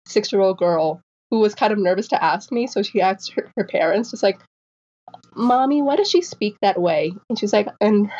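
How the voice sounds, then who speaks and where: A stuttering woman in her twenties, given to repeated sounds and restarts, chats as a guest author in a casual interview. She tells her stories with animation, acting out the people she quotes. Her voice is medium-pitched, and the sound is lo-fi.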